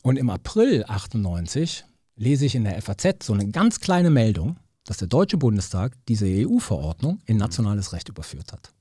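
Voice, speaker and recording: Husky-voiced man telling lively anecdotes. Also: fairly low pitch, normal speed, dry recording, clean studio sound. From Cologne, Germany. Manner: animated storyteller who acts out quoted voices. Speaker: guest, political scientist. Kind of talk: casual storytelling interview. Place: studio.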